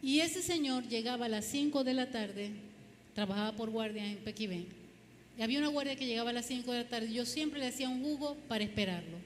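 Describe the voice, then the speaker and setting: A woman's voice: fairly high pitch, brisk, long reverb tail, slight background noise. A woman with a Zulian Venezuelan accent gives a personal testimony in church, telling her story with animation and emphasis. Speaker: church speaker giving testimony. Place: church hall.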